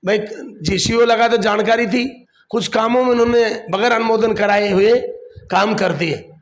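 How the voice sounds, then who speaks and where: A man's voice: high-pitched, moderate pace. A man, a district council chief answering a political interview defensively and repeating his points.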